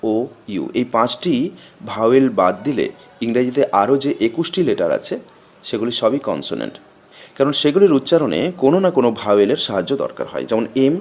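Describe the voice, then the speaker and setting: Guy reading out a grammar lesson slow and steady, bengali first language, voice bounces up and down a lot. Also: medium pitch. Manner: slow, methodical recitation of letters and meanings. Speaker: teacher.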